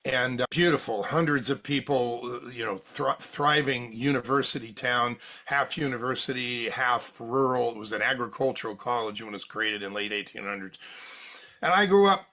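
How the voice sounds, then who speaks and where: A man's voice: mid-range voice, moderate pace, pushed and bright. An older American man, a podcast guest, telling rambling stories from his youth in a chatty way, laughing at his own jokes. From United States. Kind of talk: casual storytelling interview.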